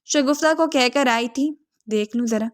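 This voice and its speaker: Motherly middle-aged woman, gently teasing, caring, storybook reading, voiced by the narrator, high-ish voice. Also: natural voice.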